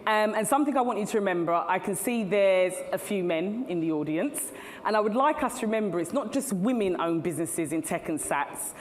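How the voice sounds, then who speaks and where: Giving a keynote at a tech event, a middle-aged woman talks to a live crowd in a brisk, mid-range voice with lively intonation, chatting freely and laughing at her own asides. Long reverb from the large hall and faint ambience fill the recording.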